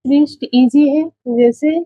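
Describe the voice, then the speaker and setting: This woman's high, mellow voice moves slowly with fairly level intonation as she teaches an exam-prep spelling lesson. Every example word gets said several times while she writes, and she checks in with her "बच्चे"; the dull lo-fi audio has no room sound.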